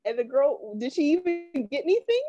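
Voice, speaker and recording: A woman's voice: high-pitched, fairly quick. A young woman hosting a casual chat podcast, telling a story and acting out what people said. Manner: animated storyteller, acts out quotes. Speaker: podcast co-host. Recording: dull lo-fi sound.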